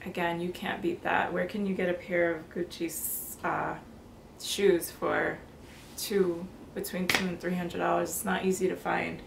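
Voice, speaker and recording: A woman in her thirties chatting casually to camera in a room at home, bubbly and quick to laugh. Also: fairly low pitch, level tone, creaky. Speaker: fashion vlogger. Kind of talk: casual haul chat. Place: bedroom or apartment, indoors. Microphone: camera on tripod, mid-distance. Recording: roomy, noisy indoor recording.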